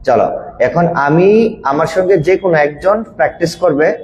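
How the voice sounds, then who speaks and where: A male teacher runs an online English class, giving each word's meaning and then having a student repeat after him. His voice sits a little high for a man. There is a long reverb around him. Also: moderate pace, darkish tone, a little hiss or hum. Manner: explains each word patiently, then drills pronunciation with a student. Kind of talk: online grammar class, explaining word meanings. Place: online classroom on a video call.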